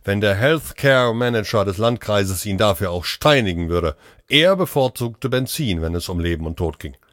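A man narrating a short story in a measured audiobook reading, close on the mic. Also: lowish voice, expressive, a bit bright, no echo.

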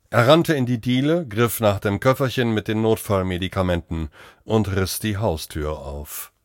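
Low-voiced male audiobook narrator. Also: no echo, studio quality. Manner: measured, storytelling.

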